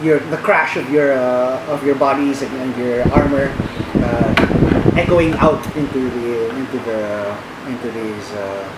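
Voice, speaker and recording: A man improvising narration as game master of a tabletop game, halting often as he searches for words. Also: mid-range voice. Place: echoey room. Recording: roomy, distant mic, loud background hum.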